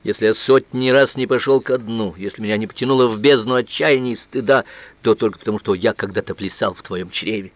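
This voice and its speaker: A man's voice: lowish voice, a little fast, no echo, close to an everyday voice. A man reading as an earnest young son. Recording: dull, dry, lo-fi studio recording.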